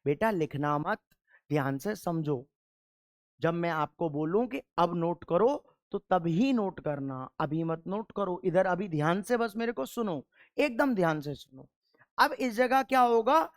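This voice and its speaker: A man's voice: sits high, lively intonation, measured pace, no echo, clean studio sound. A male chemistry teacher giving a classroom lecture. He keeps asking rhetorical questions and answering them himself, and he repeats key answers patiently so the class can drill them.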